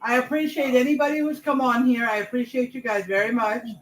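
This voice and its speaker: A woman's voice: fairly high pitch, steady tone, a little fast. A woman casually chatting to viewers as she hosts a live cooking stream from her home kitchen. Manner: chatty, talks straight to viewers. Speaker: home cooking livestream host. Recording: roomy and a bit distant, faint hiss.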